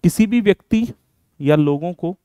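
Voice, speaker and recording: A man with an Indian accent and a fairly high, animated, warm, smooth voice teaches English vocabulary online at a moderate pace with no room sound. Chatty and encouraging, he mixes English words into Hindi and poses rhetorical questions to his students.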